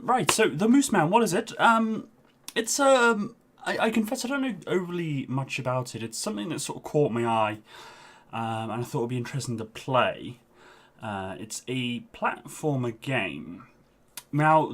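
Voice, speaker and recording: A man doing casual live-stream game commentary into a headset, out of breath and chatty, with frequent ums. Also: mid-range voice.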